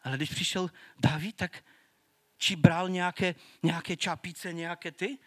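Man, high voice, earnest conversational sermon, dry close sound. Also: steady tone, bright, forceful tone, no room sound. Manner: earnest, conversational preaching with restarts. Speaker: preacher.

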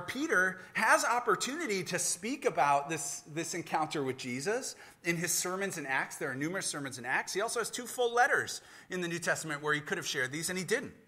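Male pastor, bright and forceful tone, earnest dramatic storyteller. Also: a little high. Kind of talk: Easter sermon.

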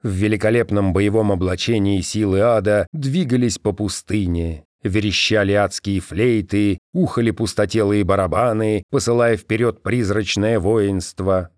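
Male audiobook narrator, low and measured, dry booth sound. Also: a little mellow, no echo. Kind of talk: audiobook reading.

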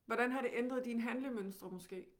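A woman with a Danish accent teaching, who guides calmly and gently with many questions. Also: a little high.

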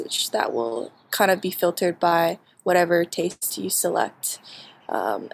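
A young woman answering interview questions about her bootcamp projects, halting with many fillers and frequent laughs. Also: on the low side, vocal fry, slight background noise. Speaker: bootcamp graduate.

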